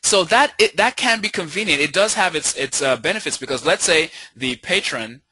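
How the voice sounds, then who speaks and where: A man's voice: on the high side, lively intonation, normal speed, sharp tone, slight background noise, rough recording. A man presenting on a marketing webinar, explaining things in an upbeat, casual way.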